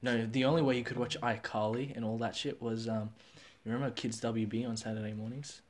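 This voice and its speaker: A young man hosting a casual podcast chat with friends, excitable, teasing and quick to swear and laugh. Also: mid-range voice. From Australia. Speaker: podcast host.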